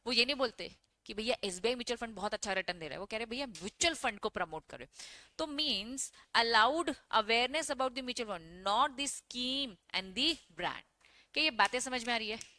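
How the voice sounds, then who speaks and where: A woman teacher giving an online class, lively, putting questions to the class and answering them herself. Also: a little high, dry recording.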